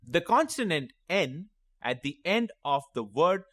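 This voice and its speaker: A man teaching a children's phonics lesson, sounding out letters and words slowly and clearly and encouraging young learners. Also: on the high side, big pitch swings, fairly bright tone, dry recording, studio quality. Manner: slow, clearly sounding out each letter and word.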